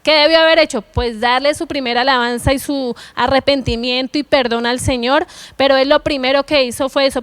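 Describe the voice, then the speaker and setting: High, smooth-voiced woman preacher. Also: no echo. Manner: earnest, exhorting young listeners with repeated phrases. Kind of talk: sermon.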